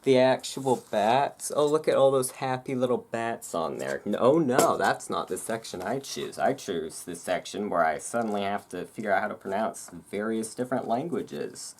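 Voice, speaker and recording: With a mid-range, animated voice, this host talks at a moderate pace and barely pauses, rambling and putting himself down between readings from a book for an ASMR audience. It's recorded indoors at home in a noisy room with a thunderstorm and room noise audible.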